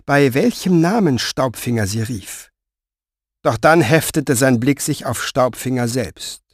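A man narrating a fantasy audiobook in a measured, expressive storytelling manner, close to the mic. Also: fairly high pitch, no echo.

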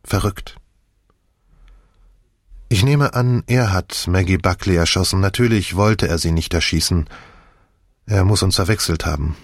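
A man reading an audiobook and voicing a tired, haunted woman confessing slowly. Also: deep voice, no room sound, clean studio sound. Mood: weary. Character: weary woman in her thirties, haunted.

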